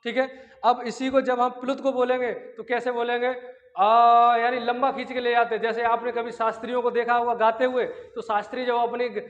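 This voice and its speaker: A man's voice: very high voice, level tone. A male teacher giving an exam-prep grammar lecture, who asks and answers his own questions and stretches out vowels as examples. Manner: drawn-out vowels and chanted syllables as examples. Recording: dull lo-fi audio in a long-echo room.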